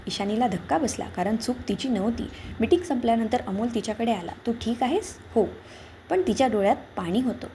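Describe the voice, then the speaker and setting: A woman reads a scripted story in a calm, measured way. Her voice is warm and mellow, with a faint hiss of noise behind it. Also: on the high side. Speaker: narrator.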